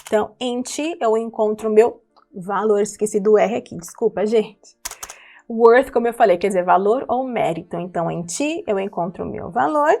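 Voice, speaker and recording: A woman with a mid-range, slightly mellow voice and vocal fry teaches English pronunciation using song lyrics. She is patient and repetitive, saying words slowly again and again and checking in with her listeners.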